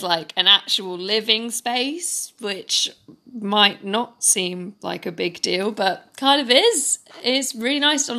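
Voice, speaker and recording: A woman's voice: medium pitch, pushed and bright. A woman in her twenties co-hosting a podcast, chatting casually with teasing banter, recorded at home under a blanket. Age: 20s. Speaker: podcast co-host. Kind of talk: casual chat. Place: living room of a flat, under a blanket.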